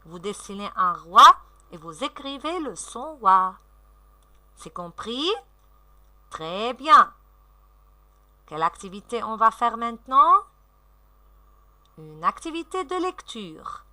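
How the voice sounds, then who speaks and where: A woman teacher gives a recorded reading lesson to young children, sounding out syllables slowly and clearly in a sing-song way. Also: a little high, big pitch swings, pushed and bright. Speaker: primary school teacher.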